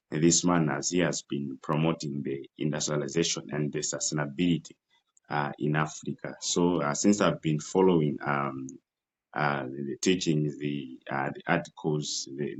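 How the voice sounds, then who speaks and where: Very deep-voiced man from Malawi. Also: lo-fi sound. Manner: halting, many fillers and restarts. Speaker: entrepreneur guest. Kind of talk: interview answers.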